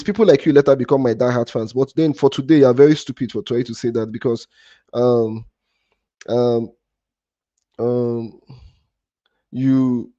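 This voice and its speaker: Brief: male trading streamer, mellow dark tone, dry dull lo-fi sound, rambling and heated. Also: medium pitch, dry recording. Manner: heated, swearing rant at a viewer; repetitive, restarts often. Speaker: crypto trading livestream host. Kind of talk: live stream talk to chat.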